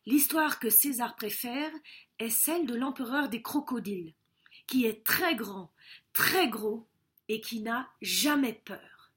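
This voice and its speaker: Woman storyteller, slightly high voice, expressive audiobook reading for kids. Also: slight background noise. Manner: slow, expressive storytelling with soft drops.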